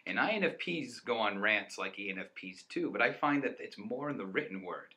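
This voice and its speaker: A man co-hosts a casual chat, talking at length in an excited, rambling way and breaking into laughter. His voice is very bright and forward. He sounds like a young adult. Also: on the low side, a little fast. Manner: rambling, enthusiastic, laughs often. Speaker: co-host.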